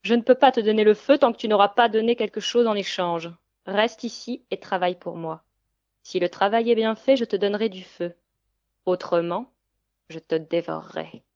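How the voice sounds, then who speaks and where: A woman voicing a menacing, greedy old witch in a storybook reading, with a growling, drawn-out delivery. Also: mid-range voice, a little mellow, dry recording, muffled recording, natural voice. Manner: growling, threatening, drawn-out words.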